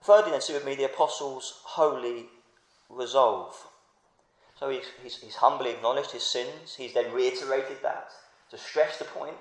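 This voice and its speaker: A man's voice: medium pitch, echoey room, rough recording. A man preaching a sermon in earnest, building to fervent passages and stumbling over restarts.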